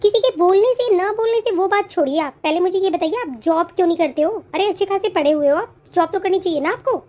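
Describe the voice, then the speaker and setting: A woman plays an earnest young cartoon daughter-in-law with a very high, piping voice. She talks in an indignant, pleading way, sounding hurt and stubborn. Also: fast, darkish tone. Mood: upset. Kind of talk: cartoon voice acting.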